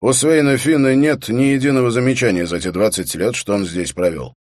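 A man's voice: mid-range voice, a little fast, darkish tone, no room sound, clean studio sound, pitched above the performer's own voice, natural voice. A man voicing a prison guard who speaks in a firm, matter-of-fact way. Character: brisk, loud prison guard.

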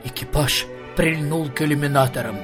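A man narrating a storybook in an even, measured voice. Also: fairly high pitch, over music. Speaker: audiobook narrator. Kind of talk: scripted narration.

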